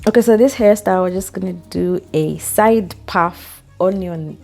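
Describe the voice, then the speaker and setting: A woman's voice: fairly low pitch, moderate pace, vocal fry, darkish tone, soft background music. A woman vlogger telling a story in a chatty, casual way while doing her hair, laughing often and saying "like" a lot.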